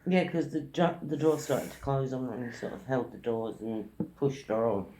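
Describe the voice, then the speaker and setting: A woman's voice: rumbling low, lively intonation, normal speed, slight background noise, rough recording. A woman from London chatting casually on a vlog, telling a travel story. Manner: chatty storytelling, acting out shouted quotes. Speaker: vlogger. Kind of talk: casual chat.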